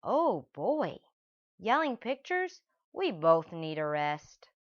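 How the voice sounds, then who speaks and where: A woman's voice: deep voice, animated, slow. Woman doing a blustering thug sidekick. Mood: shaky. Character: adult male sneak thief, brutish sidekick. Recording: dull lo-fi recording.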